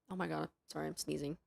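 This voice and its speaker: A woman's voice: deep voice, vocal fry, bright, forceful tone. A young adult woman streamer chatting casually with her viewers during a live game stream, greeting them by name. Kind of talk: casual livestream chat.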